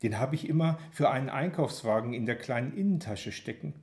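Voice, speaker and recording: A man narrating a first-person story in a measured, expressive reading. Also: mid-range voice. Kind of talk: audiobook narration.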